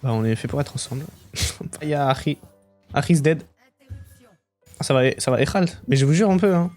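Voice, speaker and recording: A man's voice: a little high, normal speed, soft background music. Chatty young man streaming a game. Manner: chatty, swears casually, excited outbursts. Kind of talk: casual live-stream commentary while gaming.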